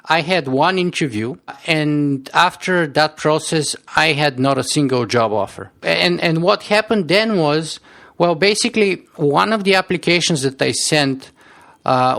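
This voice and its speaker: A man with a strong Bulgarian accent and a slightly high, creaky, fairly bright voice tells his story as a podcast guest. His manner is earnest, like an interview, and he often repeats words as he restarts.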